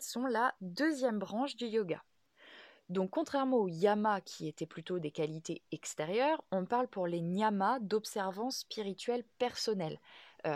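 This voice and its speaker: Woman podcast host, calm, measured teacher, dry close sound. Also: medium pitch, no echo. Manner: calm, measured, with frequent "euh" and "donc". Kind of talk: explanatory podcast monologue.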